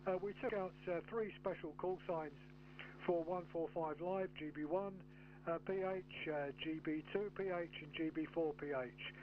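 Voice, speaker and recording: Through dull, humming, noisy audio comes a man with a high-pitched voice operating an amateur radio station. He talks in radio contact style with spelled-out callsigns, in a methodical and somewhat hesitant manner. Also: steady tone, normal speed.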